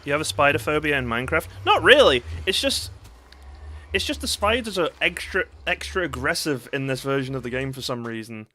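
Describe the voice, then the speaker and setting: This gaming streamer has a mid-range, pushed and bright voice with lively intonation, speaking briskly as he narrates a survival game live. He chats with viewers and reacts jumpily, yelping whenever something sudden scares him.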